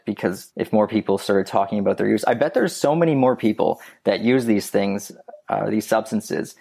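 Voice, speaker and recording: A man's voice: fairly low pitch, creaky, a little mellow. A man talking as a podcast guest in a casual, rambling way, with many restarts and fillers. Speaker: guest, YouTube creator.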